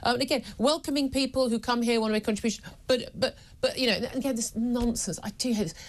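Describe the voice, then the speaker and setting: A woman hosting a talk radio debate, forceful and emphatic, jumping up in pitch to rebut points. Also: quick pace.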